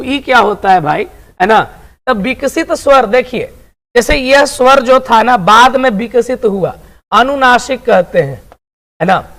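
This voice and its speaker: A man's voice: extremely high pitch, a bit bright. A man teaching Hindi grammar in an online video lesson, coaxing his students along and tagging nearly every sentence with a question. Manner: repeats tag questions often; coaxing, addresses students as dear and friends.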